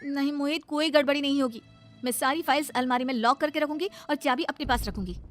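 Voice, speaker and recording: Earnest young cartoon wife. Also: female voice, sits high, fast, faint music behind. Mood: agreeable. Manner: earnest and defensive. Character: young wife, gentle, wrongly blamed.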